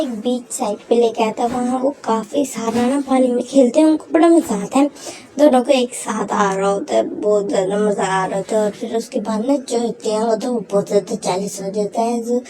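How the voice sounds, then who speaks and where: Over a crowd in the background, a woman casually retells a fan fiction story, peppering it with fillers and briefly acting out each quoted line. Her voice is a little high and a little fast, and the recording is rough.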